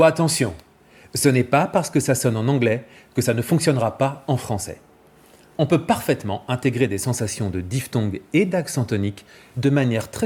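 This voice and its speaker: A male vocal coach giving a clear, didactic scripted explanation and demonstrating examples. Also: mid-range voice, darkish tone.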